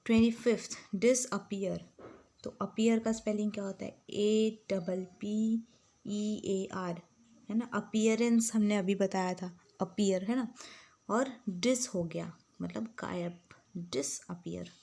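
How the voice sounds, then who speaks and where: A woman's voice: medium pitch, steady tone, slow, vocal fry, dark tone. A woman tutor giving a spelling lesson, dictating words and spelling them out letter by letter, mixing English with Hindi explanations. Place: home room with some background sounds.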